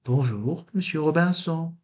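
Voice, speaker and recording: A tiny, timid little man speaks politely in a small, high voice, as a man puts him on while reading a storybook. He sounds slow and a little husky. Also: darkish tone.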